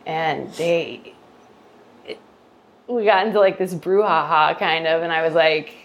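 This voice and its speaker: Casual, animated woman telling a story. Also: low-pitched, measured pace. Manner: animated, swearing, acts out quoted exchanges. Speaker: mushroom grower, guest.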